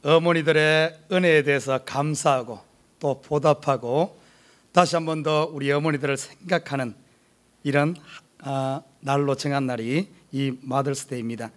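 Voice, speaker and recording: A middle-aged man from South Korea, a pastor with a Gyeongsang accent, delivers a sermon in a church sanctuary that includes a funny personal tale. He sounds lively and animated, with a voice on the high side at normal speed.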